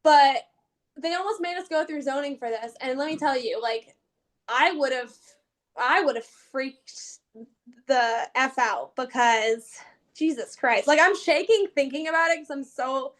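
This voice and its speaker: A woman's voice: high-pitched, unhurried. A woman on a video call, telling a long story and acting out the other people's lines. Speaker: real estate investor. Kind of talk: casual group call.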